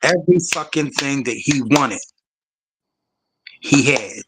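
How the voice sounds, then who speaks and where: A man's voice: medium pitch, lively intonation, slow pace, background noise. A man, telling a personal story on a discussion panel in an emphatic, profane, conversational way.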